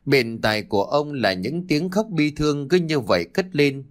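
A man reads a Vietnamese-style ghost story aloud with slow, dramatic pacing. His mid-pitched voice rises and falls in a lively, animated way. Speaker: horror story narrator.

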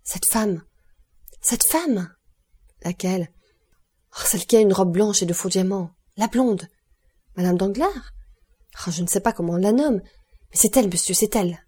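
A woman's voice: mid-range voice, normal speed, long pauses, warm tone, slightly rough, natural voice. A woman voicing a frightened, agitated older male steward in an audiobook, breathless and exclamatory. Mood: panicked.

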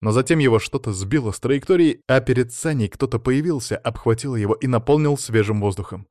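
A man reading fantasy-adventure narration in a steady, even storytelling manner. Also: mid-range voice, a little fast, no echo, clean studio sound. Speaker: audiobook narrator. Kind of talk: scripted narration.

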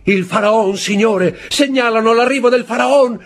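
A man voicing an excited young male ship clerk, shouting in a high, strained, husky voice. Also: moderate pace. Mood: jubilant.

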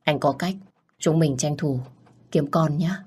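A woman voicing a tender, playful young husband, speaking softly and affectionately. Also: low voice, unhurried, husky, exaggerated voice.

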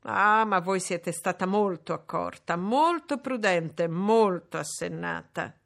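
A woman voicing a brooding, troubled middle-aged gentleman in an audiobook, speaking low and grave. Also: takes it slowly, gravelly. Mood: teasing. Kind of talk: audiobook reading.

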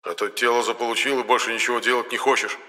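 A man voicing a haughty male ghost who talks in a lofty, mocking way, softer than his narration. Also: mid-range voice, level tone, quick pace, big-room sound, natural voice.

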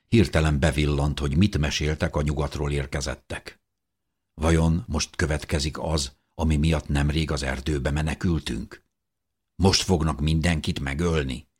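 A man narrating a first-person audiobook in an earnest, measured way. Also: extremely low pitch, husky.

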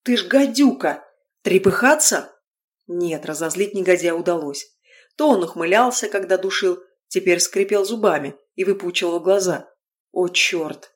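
A woman narrating a fantasy novel in the first person, telling it in a wry, lively way. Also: lowish voice, normal speed. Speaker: audiobook narrator.

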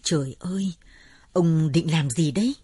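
A woman's voice: unhurried, breathy edge, no echo, full character voice. A woman voicing a frightened older village wife who begs and implores in a spoken story. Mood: pleading. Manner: imploring, higher and louder than the narration.

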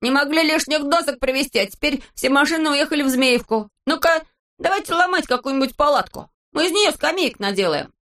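A woman voicing a boastful, bossy little boy with a shrill, indignant voice in a storybook. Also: very animated, normal speed, few pauses, fairly bright tone, heavily acted.

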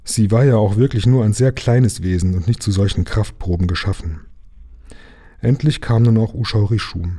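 Husky dark-voiced man reading a story. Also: fairly low pitch. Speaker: reader. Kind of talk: reading a children's book aloud.

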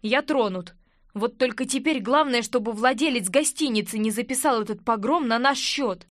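A sarcastic young investigator in an audiobook, growling dry remarks, as a woman reader gives him lines. The voice stays high and close, with a dry sound. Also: normal speed, a bit bright, no echo, close to an everyday voice.

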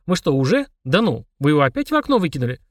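Harried scolding mother, raised and lively, dry close sound, as a male reader puts her on. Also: a little high, fast talker, dry recording. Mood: exasperated. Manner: scolding, exasperated. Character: harried, sharp-tongued mother of twins.

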